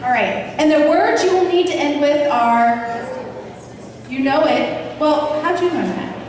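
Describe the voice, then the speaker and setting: A woman's voice: high-pitched, measured pace, distant mic. A woman giving a humorous, informal wedding toast speech, joking and tossing asides to the guests. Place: large indoor wedding reception room. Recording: echoey hall over microphone, crowd behind.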